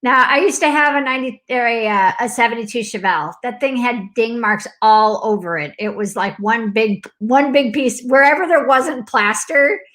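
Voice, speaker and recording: Woman, middle-aged, bright voice, slightly high, animated casual storyteller, rambling with likes. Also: moderate pace, hardly any pauses. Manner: animated, acts out alarms and shouted outbursts, laughs often; talks in loose fragments with many likes. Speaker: host.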